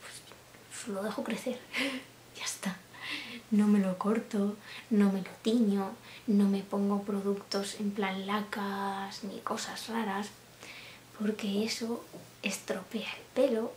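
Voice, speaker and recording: A young woman chatting casually to camera, laughing often and dropping into soft asides. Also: medium pitch, level tone, takes it slowly. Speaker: vlogger. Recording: roomy room with faint hiss.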